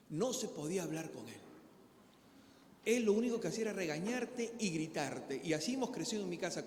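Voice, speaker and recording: A man's voice: high-pitched, a little mellow, slight background noise. A man with a Peruvian Spanish accent preaching a sermon as pastor, talking conversationally and acting out little dialogues. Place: church hall. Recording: echoey hall with faint ambience.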